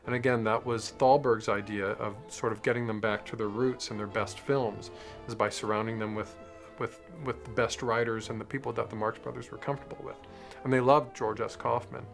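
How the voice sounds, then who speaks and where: A man giving measured commentary on film history, correcting himself as he goes. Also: medium pitch, steady tone, creaky, soft background music. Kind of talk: informative commentary.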